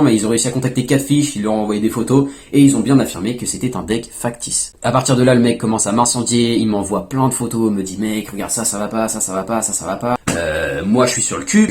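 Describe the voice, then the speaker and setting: A young man casually telling a story to his vlog audience, chatty, with quick asides to himself. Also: medium pitch, darkish tone. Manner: fast, chatty, self-talk asides. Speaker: fingerboard YouTuber.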